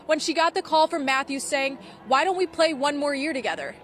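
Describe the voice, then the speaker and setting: A woman sideline reporter reading a scripted feature segment in a smooth, polished delivery. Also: high-pitched, brisk, a bit bright.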